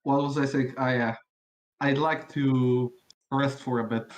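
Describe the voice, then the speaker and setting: A man playing in a tabletop game, talking in a halting, sheepish way and joking about himself. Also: mid-range voice, fairly even intonation, poor audio. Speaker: player. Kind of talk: casual tabletop game chat.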